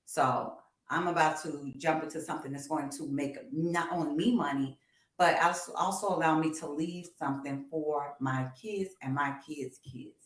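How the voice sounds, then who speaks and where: Speaking straight to the people watching, a woman in her fifties co-hosts a casual music livestream with animated encouragement. She has a deep voice and talks at normal speed, and the stream's audio is roomy and echoey.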